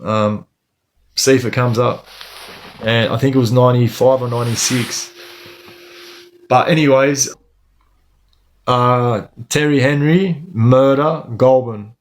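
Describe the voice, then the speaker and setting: A man's voice: mid-range voice, fairly even intonation, slow, long pauses. Australian man talking in eshay street slang. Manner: Aussie eshay street slang, says lad and bro often. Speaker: livestream host. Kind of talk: casual livestream storytelling.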